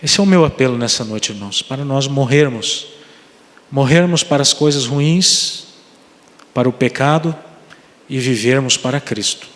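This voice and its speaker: A man's voice: mid-range voice, moderate pace, a bit bright, big-room sound. A man preaching as pastor, making an earnest appeal to his congregation and then leading a prayer in a church. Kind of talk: sermon and prayer. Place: church sanctuary.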